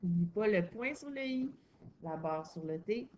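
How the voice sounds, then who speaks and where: A woman's voice: mid-range voice, lively intonation, measured pace, highs cut off, a little hiss or hum. A woman teacher with a Quebec French accent, patiently explaining a reading and writing lesson step by step to a young child.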